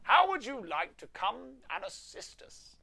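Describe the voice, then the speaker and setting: A storyteller voicing a kindly, generous old Santa from a children's storybook, slow, hearty and deliberate. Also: medium pitch, very animated, creaky, sharp tone, pitched above the performer's own voice, full character voice.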